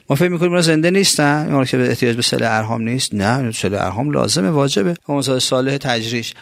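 A man with an Iranian Persian accent preaches in a loose, conversational way, his voice gravelly with a steady creak. He pushes key lines up with emphasis, then lets other phrases sink low and slow. The sound is dry and close, with no room around it. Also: no echo. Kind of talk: colloquial religious sermon.

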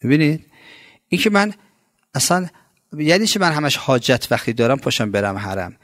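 A man with an Iranian Persian accent giving a colloquial religious sermon, talking conversationally and swinging between raised, emphatic lines and low, drawn-out phrases. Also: big pitch swings, fairly bright tone, no echo, studio quality. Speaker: preacher.

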